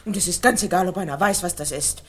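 An actress playing a volatile, mocking wife in a radio play, with a theatrical, taunting way of speaking. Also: female voice, on the low side, fast talker, a bit bright, slightly rough. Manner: theatrical, taunting, emotional outbursts. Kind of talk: 1990 radio play acting.

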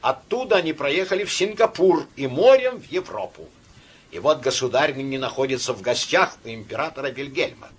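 A man voicing a boastful young officer who talks eagerly and pauses with fillers. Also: medium pitch, animated, breathy edge, pitched above the performer's own voice. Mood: eager boasting. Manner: eager, self-important, hesitating with fillers.

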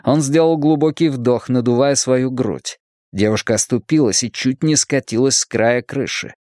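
A man narrating an audiobook in an expressive, storytelling way. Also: medium pitch, moderate pace, no echo, studio quality. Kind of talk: scripted narration.

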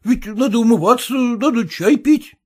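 A man reading a story aloud, voicing a flustered middle-aged gentleman, a husband with a blustering, bewildered manner. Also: very high voice, moderate pace, slightly rough, pitched below the performer's own voice. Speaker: character in a read story.

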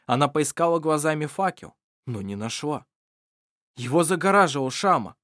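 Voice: medium pitch, expressive, moderate pace, a bit bright, dry recording, studio quality. A reader narrating a fantasy novel in an audiobook, acting out every character.

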